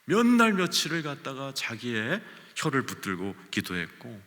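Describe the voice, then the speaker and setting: A man preaching a sermon, his voice bright and forceful, ringing through a church sanctuary with a long reverb tail. He tells his stories with sweeping rises and falls in pitch and volume and sometimes sinks to a near whisper to make a point. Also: huge pitch swings, moderate pace. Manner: storytelling preacher with sweeping swings in pitch and loudness; drops to a near whisper for emphasis. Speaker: senior pastor.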